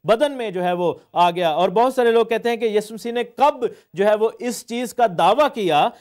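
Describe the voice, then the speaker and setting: A man's voice: sits high, moderate pace, a little mellow. A man, a pastor teaching a sermon, explaining word meanings with frequent hesitations and English phrases mixed in.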